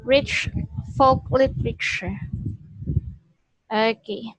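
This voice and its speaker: A woman's voice: on the high side, extremely slow, no room sound, poor audio. A woman teaching a one-on-one pronunciation lesson, instructing and repeating words and phrases for the learner. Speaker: English teacher.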